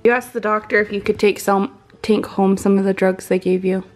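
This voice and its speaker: A woman's voice: mid-range voice, steady tone, a little fast. A woman chatting casually in an amused, teasing way.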